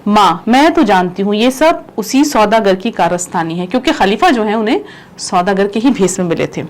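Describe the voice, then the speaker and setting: A woman's voice: mid-range voice, expressive, close to an everyday voice. A doting, worried old mother, read aloud by a woman. She reads from a play script in a natural voice with little change.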